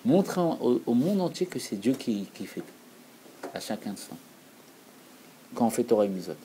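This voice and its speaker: A man's voice: mid-range voice, very animated, moderate pace, mellow, a little hiss or hum, rough recording. A man giving an earnest, explanatory Torah lesson, repeating key phrases for emphasis. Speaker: Torah teacher.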